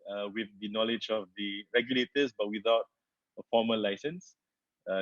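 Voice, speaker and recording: A man from Singapore, presenting a webinar from his home, speaking haltingly with many "uh" fillers and restarts. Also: fairly low pitch, no room sound. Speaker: company founder presenting a webinar. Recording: dull, dry webinar audio.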